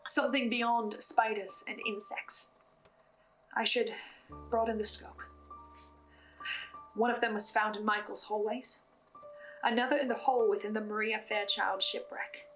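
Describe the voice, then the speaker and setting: Soft music plays behind a mid-range, fairly bright female voice that stays steady, keeps a measured pace and pauses often. She's recapping a horror audio drama, laying out theories to the listener with dramatic emphasis in scripted commentary broken up by asides.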